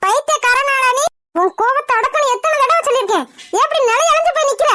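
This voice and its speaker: A woman's voice: fast, pushed and bright, slight background noise. A woman voicing a protective, scolding mother in a cartoon. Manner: scolding, shrill. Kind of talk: Tamil cartoon voice acting.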